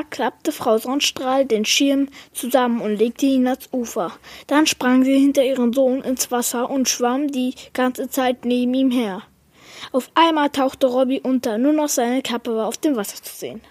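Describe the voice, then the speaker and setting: A woman reading a children's book aloud with lively storytelling. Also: high voice, dry recording. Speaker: reader.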